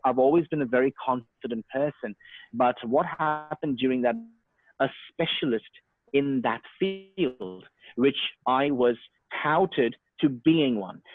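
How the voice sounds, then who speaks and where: An Indian-born man in his thirties with an Australian accent, a sales and marketing professional, speaks as a guest in a casual online interview. His mid-range voice comes freely, full of fillers and restarts, over tinny, phone-like call audio that is dry with no room sound.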